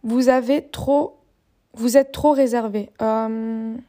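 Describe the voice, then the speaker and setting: A woman's voice: fairly high pitch, fairly even intonation, slow pace, warm tone. A young woman hosting her own podcast, chatting casually and mocking herself, fed up with a quiz website that keeps failing. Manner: chatty, self-mocking, exasperated. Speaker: podcast host. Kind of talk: casual chat.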